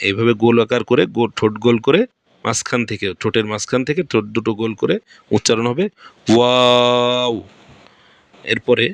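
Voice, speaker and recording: A male Quran teacher with a Bangladeshi Bengali accent explains pronunciation points slowly and repeats each one. His voice sits in an ordinary middle pitch. It is recorded close up, dry and without room sound. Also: no echo. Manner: patient, repeats each point and quizzes himself. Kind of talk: step-by-step pronunciation lesson.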